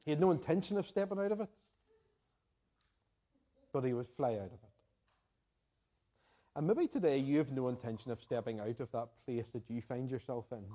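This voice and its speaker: Ulster guy from northern ireland giving a sermon, mellow relaxed voice, chatty but earnest. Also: medium pitch, normal speed, pauses often. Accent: Northern Irish, Ulster. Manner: earnest, conversational, repeats phrases for emphasis. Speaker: preacher. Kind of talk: sermon to a congregation, with homely anecdotes and prayer.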